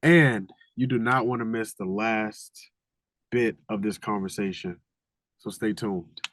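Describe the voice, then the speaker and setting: A man's voice: lowish voice, measured pace, a bit bright, no room sound. A man hosting an interview podcast, opening the show in an upbeat, promo-style way. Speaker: podcast host.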